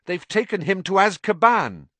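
A man's voice: high voice, sing-song, moderate pace, a bit bright, no echo, voice pushed up. A man doing a frightened, urgent schoolboy. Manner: breathless, urgent pleading.

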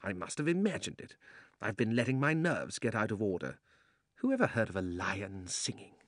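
A man reading aloud and voicing a selfish, cowardly old gentleman who mutters and whines to himself. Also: fairly low pitch, sing-song, normal speed, no room sound, clean studio sound. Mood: muttering.

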